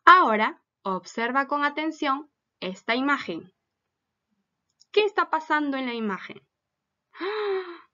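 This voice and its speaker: A woman's voice: high-pitched, big pitch swings, slow, pauses often, bright, forceful tone, muffled recording. A woman teacher giving a recorded lesson for children, patiently asking them many questions.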